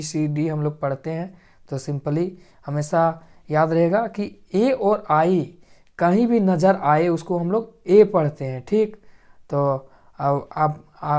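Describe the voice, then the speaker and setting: A man's voice: high-pitched, darkish tone. A man teaching English pronunciation, patiently repeating each step and checking in often. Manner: patient, repetitive drilling with frequent checks. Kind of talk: pronunciation lesson for Hindi speakers.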